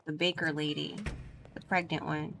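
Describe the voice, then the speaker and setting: A woman's voice: deep voice, level tone, moderate pace, creaky, a bit bright, a little hiss or hum. A woman giving casual, playful video game commentary, chatting to the characters as she plays. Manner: playful, talks to the dolls.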